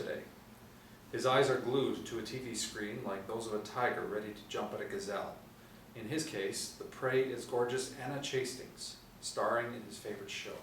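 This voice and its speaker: Seated with a tablet in a small indoor room, a middle-aged man narrates the stage directions at a table read. His pitch is fairly low and his tone fairly bright. A distant mic catches room echo and faint noise.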